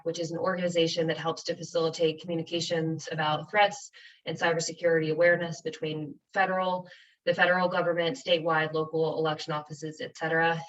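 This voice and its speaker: American woman clerk, low-pitched, steady briefing tone with ums, recorded off-mic over a muffled call line. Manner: measured, informative, with frequent ums. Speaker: county clerk. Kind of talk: webinar presentation. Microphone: video call. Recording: distant, dull webinar audio.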